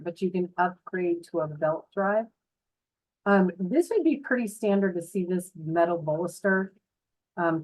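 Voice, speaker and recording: A woman's voice: on the low side, rough recording. A woman giving a casual, informal house tour as a builder's representative, explaining features in a chatty way. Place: voice-over talking over a tour video.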